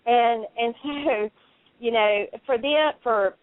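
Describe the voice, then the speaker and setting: This radio show panelist and soap fan talks at length over a telephone call, casual, effusive and full of opinions. Her voice sits on the high side and she takes it slowly, with no room sound, though the phone line is narrow and tinny.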